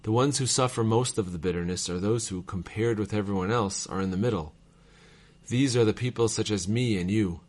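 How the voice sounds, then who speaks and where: Low-voiced man reading letters aloud. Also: a little mellow. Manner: measured, formal reading cadence. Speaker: reader of devotional texts.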